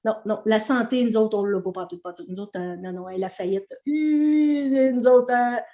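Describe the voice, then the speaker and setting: A gloomy, resigned older relative with a broad Québécois accent, as a woman trainer puts them on. The talk is folksy and complaining, and the words come in quick, heavy bursts. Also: fairly high pitch, dark tone, muffled recording, natural voice. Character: gloomy older relative who expects hardship.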